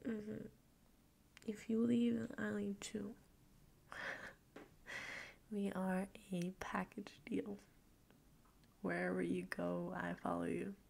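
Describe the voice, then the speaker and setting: A young woman playing a cuddly, playful girlfriend who just woke up, in an ASMR role-play with a slow, sleepy, breathy morning voice. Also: medium pitch, level tone, full character voice. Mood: drowsy, cuddly. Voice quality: breathy half-soft voice with creaky fry.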